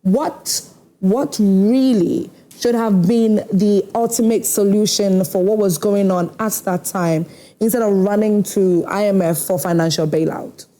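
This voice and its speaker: A woman hosting a TV panel, moderating calmly and steering the conversation. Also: mid-range voice, a little slow. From Ghana. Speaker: TV show host. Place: TV studio.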